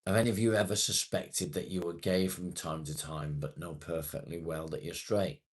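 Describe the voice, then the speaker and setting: Low and husky, this man's voice moves at a moderate pace with fairly even intonation. He's a 40-something livestream host, late forties, chatting casually and matily with viewers as he reads their comments, cursing occasionally.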